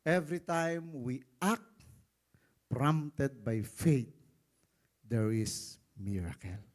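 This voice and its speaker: A male pastor preaching a sermon in a church. He is animated, acts out the stories, and keeps asking the congregation "Amen?". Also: mid-range voice, very slow. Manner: animated, acts out quotes, often asks "Amen?".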